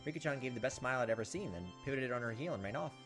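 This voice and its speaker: A man hosting a let's play reads a visual novel aloud, tossing in casual, crude joking asides. His medium-pitched voice is animated and very fast, with music playing in the background.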